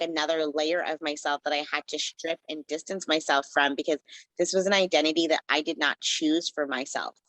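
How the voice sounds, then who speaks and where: A woman's voice: sits low, a bit bright, no echo, poor audio. A woman from the Caribbean, a writer, talking as a guest in a casual interview, rambling with lots of "like" fillers. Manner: rambling, heavy use of "like" fillers.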